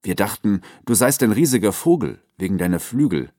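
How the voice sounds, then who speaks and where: Man doing a wolf leader, hurt but calm and soothing, storybook reading, dry. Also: fairly low pitch, a little fast, no room sound, voice pushed up, lightly acted. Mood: reassuring. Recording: dry close recording.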